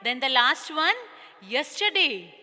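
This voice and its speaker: Slow, bright-voiced teacher. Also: female voice, sits high, very animated, in a large hall, slight background noise. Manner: slow, deliberate, spelling out syllables and calling listeners "dears". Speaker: primary school English teacher. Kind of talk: recorded classroom lesson for young children.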